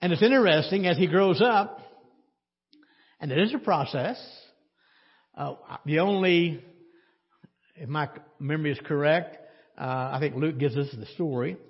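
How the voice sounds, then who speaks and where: A little high and a little slow, the man's breathy voice leaves long pauses as he preaches conversationally in a church sanctuary. He asks the congregation questions and adds dry sarcasm, and the dull recording has long church reverb.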